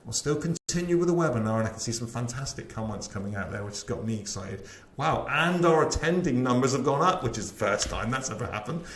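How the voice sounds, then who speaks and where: A man's voice: mid-range voice, animated, fast, few pauses, reverberant. A middle-aged man with a West Country accent presenting a live sales-training webinar, chatty and enthusiastic, often asking the audience questions. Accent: West Country English.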